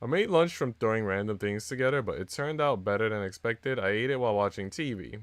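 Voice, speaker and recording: A man live streaming switches between reading a visual novel aloud and slangy, joking chat with casual swearing. His voice is on the low side, expressive and fast, recorded dry, with plucked guitar music playing behind it.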